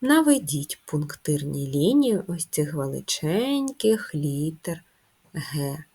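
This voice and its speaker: A woman teaching young children to write letters, speaking slowly and gently with clear instructions. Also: low voice, very animated. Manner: slow, gentle and instructive, addressing young pupils. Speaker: primary school teacher. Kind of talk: children's handwriting lesson.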